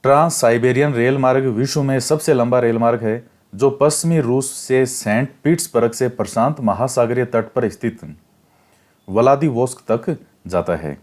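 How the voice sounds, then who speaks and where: A male teacher talks through a textbook chapter at a measured, even pace. He reads a line, then explains it again in plainer words and repeats key points so students can remember them. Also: medium pitch. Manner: explains step by step, repeats key facts for exam prep. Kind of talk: classroom lecture reading and explaining a textbook.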